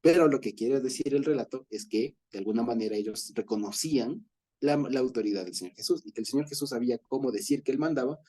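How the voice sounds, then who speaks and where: A man's voice: mid-range voice, fast talker, a crowd in the background. A man with an Ecuadorian accent leading a Bible study, explaining with everyday examples and chuckling often. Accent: Ecuadorian Spanish.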